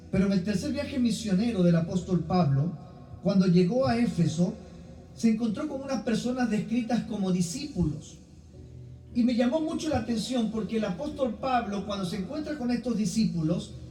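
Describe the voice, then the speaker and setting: Expressive and mellow, a high male voice at normal speed belongs to a middle-aged guest preacher with an Ecuadorian Spanish accent. He addresses a church congregation with a personal introduction and sermon. A distant mic in the church hall gives a roomy sound with faint background noise.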